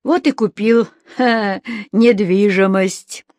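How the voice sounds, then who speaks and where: A woman voicing a kindly old man who calmly reassures and gently lectures in an audiobook story. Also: mid-range voice, slow, no room sound, studio quality, lightly acted. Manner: calm, soothing, a little lecturing.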